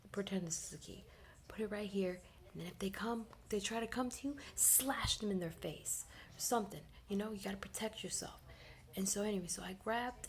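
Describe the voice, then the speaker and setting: A young woman in her twenties, a vlogger with a gravelly voice, tells a personal story in a casual, rambling, animated way, often dropping into a low whisper. She fills the gaps with plenty of "you know"s, and there's slight background noise.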